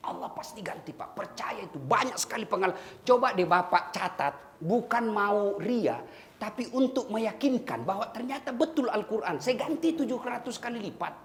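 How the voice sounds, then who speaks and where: A man's voice: high-pitched, very animated, moderate pace, fairly bright tone, a little hiss or hum. A middle-aged man with a Makassar accent giving a humorous sermon, telling stories and addressing his listeners directly as "Pak". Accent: Makassar Indonesian. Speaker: preacher.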